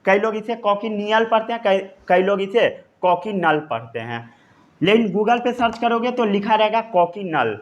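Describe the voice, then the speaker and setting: A man teaches a science class in Hindi. He says the key terms slowly and repeats them, as if dictating notes. He checks often that his students are following. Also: sits high, lively intonation, highs cut off. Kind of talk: classroom lecture.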